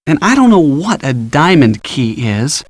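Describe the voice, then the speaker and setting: An upbeat, college-age American boyfriend gives a detective hints in scripted adventure-game dialogue, his slightly high voice moving in a lively way. He's casual, encouraging, playful and thoughtful, unhurried, with playful asides, recorded close and dry.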